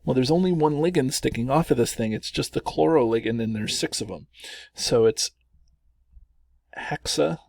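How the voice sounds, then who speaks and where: A man's voice: medium pitch, moderate pace, gravelly, a little mellow, no room sound. A man teaching chemistry through worked examples, chatty and self-correcting, chuckling at the long names.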